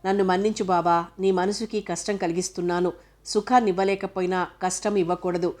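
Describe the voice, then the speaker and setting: A woman's voice: fairly low pitch, steady tone, brisk, darkish tone, lightly acted. A woman reading a distressed guilt-ridden wife. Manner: bitter, self-reproaching.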